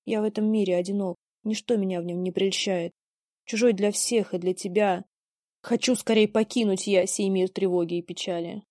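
A woman's voice: mid-range voice, fairly even intonation, normal speed, warm tone, no echo, clean studio sound, natural voice. A woman playing a melancholy, world-weary young son, declaiming mournful rhymed verse in a theatrical reading. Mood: despondent. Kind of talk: dramatic verse play reading.

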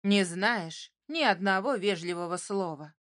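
A woman's voice: mid-range voice, measured pace, dry recording, clean studio sound, lightly acted. Storybook apple tree, firm and teacherly, kind underneath, voiced by a woman. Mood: stern, kindly. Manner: firm, instructive, slightly louder. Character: female apple tree, stern but kind and wise.

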